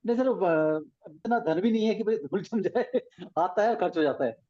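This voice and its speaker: A man joins an online class over a poor connection, his voice arriving choppy, glitchy and cut up. The sound is dull and lo-fi, with a dark, mellow tone heard from a distance. He keeps to short, polite answers. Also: sits high, expressive, normal speed. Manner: brief polite agreeing answers. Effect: choppy, glitchy internet call audio breaking up. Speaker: participant on an online class call. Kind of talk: casual replies on a video call. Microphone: computer or phone on a video call.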